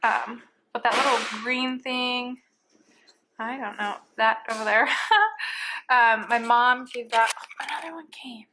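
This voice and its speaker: A young mother talks to her camera at home in a high, bright voice, drifting between thoughts with plenty of ums. The room rings noticeably around her, with a faint hiss underneath. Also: flat delivery, takes it slowly, roomy sound. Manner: chatty and scattered, many ums and trailing asides. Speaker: vlogger, mother of two. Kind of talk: casual chat to camera. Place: at home by a window.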